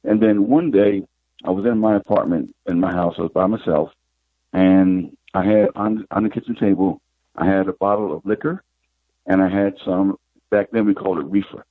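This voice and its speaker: A middle-aged man, a psychic guest, telling his life story in an interview in an unhurried, reflective way. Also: deep voice, steady tone, no echo. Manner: unhurried, reflective, retells scenes with quoted dialogue. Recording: tinny phone line.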